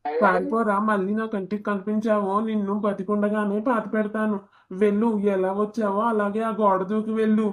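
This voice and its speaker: Karthik is a hot-tempered young husband in a cartoon family drama, voiced by a woman. He barks threats and insults in a flat, even delivery with an ordinary mid pitch. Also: fairly quick, close to an everyday voice. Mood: menacing. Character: furious rural husband, young man, threatening.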